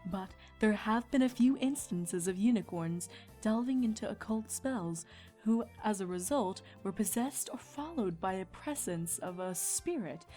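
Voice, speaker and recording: A woman's voice: mid-range voice, lively intonation, warm tone, soft background music, natural voice. Woman as graceful, composed pony sun princess. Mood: thoughtful. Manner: composed, measured, regal. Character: graceful, kindly mature pony sun princess, calm mentor. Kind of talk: cartoon-style fan fiction dramatization.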